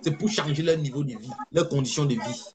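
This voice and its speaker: A man with a higher-pitched voice delivers an impassioned political speech as an activist, fervent and preachy, stressing slow phrases. The background is noisy.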